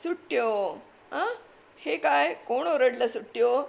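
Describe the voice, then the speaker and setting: A woman reading aloud, voicing a frightened young boy's anxious thoughts in a storybook reading, her voice slightly gravelly. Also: on the high side, expressive, normal speed.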